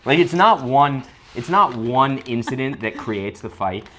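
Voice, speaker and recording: A man's voice: medium pitch, animated, unhurried, fairly bright tone, slight background noise. Joking man cooking at home. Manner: joking, teasing, playful. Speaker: chef and host. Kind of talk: casual cooking banter. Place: home kitchen.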